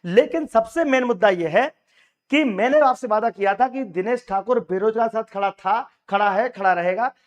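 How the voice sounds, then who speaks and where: A man with a high, hoarse voice speaks straight to exam candidates. He is emphatic and rallying, and he repeats his key points to drive them home. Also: normal speed. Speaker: coaching teacher and union leader. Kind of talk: direct address to exam aspirants.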